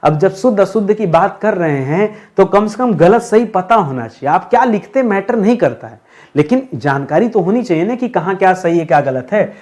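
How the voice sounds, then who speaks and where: A man's voice: sits high, expressive, normal speed, darkish tone. A man teaching an exam-prep Hindi grammar lesson. He spells each word out letter by letter, asks his own questions and answers them, and keeps addressing the viewers as friends. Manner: addresses viewers as friends, says "okay" often.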